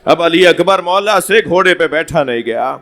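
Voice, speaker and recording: High-voiced man in impassioned mourning sermon. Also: animated. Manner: impassioned, rising to shouted lament. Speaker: Shia cleric giving a majlis. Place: mosque hall at a gathering.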